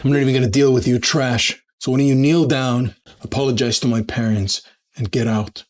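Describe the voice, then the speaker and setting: A young heir returned to defend his parents, played by a man. His mid-pitched voice is firm and commanding, cold toward his enemies. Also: fairly even intonation, fairly quick, natural voice.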